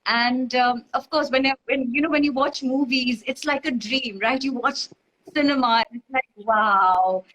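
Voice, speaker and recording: Bubbly, high-voiced woman chatting freely. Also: moderate pace, a bit bright, highs cut off. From Dubai. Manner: rambling, bubbly, many fillers and self-corrections. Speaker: guest. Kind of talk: casual chat.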